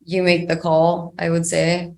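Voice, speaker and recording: A woman answering a judge as a defendant, hesitant and halting, somewhat defensive. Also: lowish voice, completely flat delivery, gravelly, darkish tone. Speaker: defendant in court. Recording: echoey courtroom.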